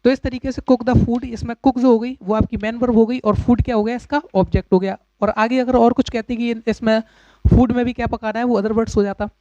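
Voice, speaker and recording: A man teaching English grammar in a lecture, explaining patiently with pauses and repeated examples. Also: very high voice, steady tone, mellow, no room sound. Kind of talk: classroom lecture. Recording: dull, dry lo-fi recording.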